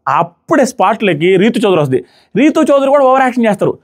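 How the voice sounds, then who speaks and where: A man reviewing a reality show live, retelling the day's events in an animated way and acting out the contestants' lines. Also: sits high, fast.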